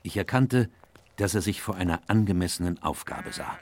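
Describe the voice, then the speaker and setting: Gentleman doctor narrating a detective radio drama, measured, lowish voice, bit of background noise. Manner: literary, measured storytelling.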